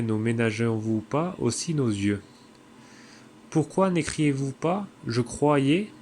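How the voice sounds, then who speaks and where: A man reading a classic text aloud in a measured way, now and then stumbling and correcting himself. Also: medium pitch, slight background noise. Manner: measured, with occasional slips and self-corrections. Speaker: reader.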